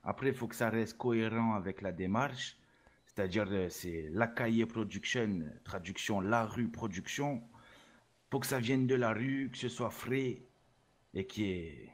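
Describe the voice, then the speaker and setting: A man's fairly low, unhurried voice brings to life a swaggering Salvadoran rap label boss in a lightly acted role-play interview. The character brags constantly and scatters Spanish words and "hein" through his speech.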